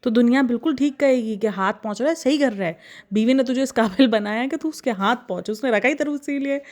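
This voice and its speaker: A woman running a reaction vlog, chatting in an animated, gossipy way. Her voice sits a bit high, and she often sounds exasperated. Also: quick pace. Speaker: reaction vlogger. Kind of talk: casual commentary.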